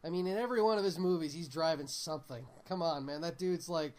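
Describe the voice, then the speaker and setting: A man's voice: fairly high pitch, fast talker, darkish tone. A man chatting casually about films on a podcast, emphatic and joking. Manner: emphatic, joking, puts on mock voices. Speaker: podcast co-host. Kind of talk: casual chat.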